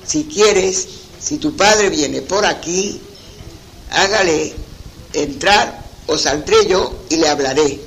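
A man doing a gentle enchanted prince. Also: on the high side, slow, slight background noise, poor audio.

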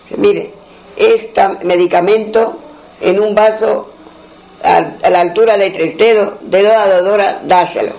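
A man tells an old folk tale in a plain, homely way. His voice sits high for a man and has a gravelly, creaky edge. He circles back over his phrases and gives each character's words in his own voice. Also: steady tone, measured pace, darkish tone, rough recording. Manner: homely, repetitive, voices the characters' lines in turn. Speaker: storyteller. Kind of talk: oral folk tale telling.

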